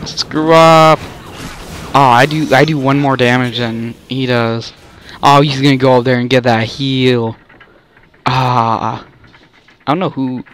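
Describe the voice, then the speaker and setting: A young man plays a video game and offers casual, self-interrupting commentary, often stopping mid-sentence to react and quick to get exasperated. His mid-range voice is steady and a little slow, with a touch of hiss or hum.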